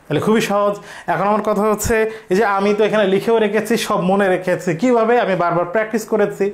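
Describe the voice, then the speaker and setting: A man's voice: high-pitched, steady tone, fast. A male teacher with a Bangladeshi accent giving an online grammar lesson, asking questions and answering them himself, repeating key points. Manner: repetitive, drilling.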